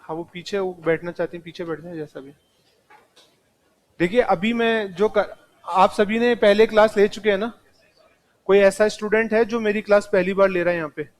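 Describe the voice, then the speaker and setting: High-voiced man teaching a class. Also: steady tone, normal speed, pauses often. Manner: talks straight to students, mixes in English terms. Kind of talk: classroom lecture. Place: classroom with students present.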